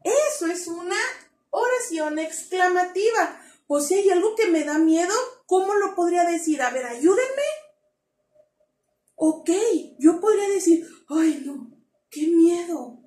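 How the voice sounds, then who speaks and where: Very high-voiced woman teaching children. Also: a little slow, reverberant. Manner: lively, coaxing, asks children questions. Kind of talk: children's grammar lesson.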